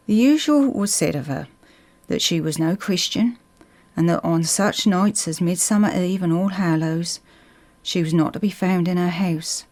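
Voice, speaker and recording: A woman with a Suffolk accent and a warm, lowish voice reads a ghost story as scripted narration, measured in her storytelling.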